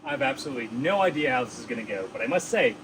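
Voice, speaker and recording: A man hosting a casual do-it-yourself vlog, talking to himself with excitable, self-mocking energy as he tests his tools. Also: mid-range voice, very fast, roomy sound, heavy background noise. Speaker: DIY video host. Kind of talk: casual vlog narration while testing tools.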